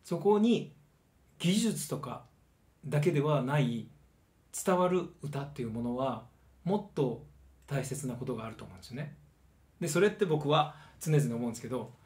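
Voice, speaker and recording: A middle-aged man from Osaka teaching a singing lesson as a vocal coach, explaining in an animated way and breaking into short vocal demonstrations. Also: mid-range voice. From Osaka, Japan. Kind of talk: one-point singing lesson to camera.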